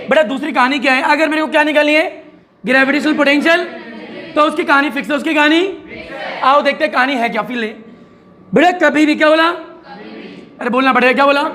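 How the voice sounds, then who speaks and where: High, bright-voiced male physics teacher. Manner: keeps quizzing students with repeated questions and jokes. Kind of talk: classroom physics lecture. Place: tuition classroom with students.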